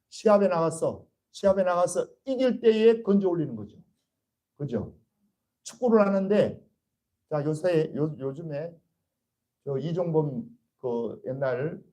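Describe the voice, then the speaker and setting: High-voiced man preaching a sermon. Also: mellow, poor audio. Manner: asks the congregation rhetorical questions and answers them himself; earnest, urging and exhorting. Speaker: pastor. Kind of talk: Easter sermon to a congregation.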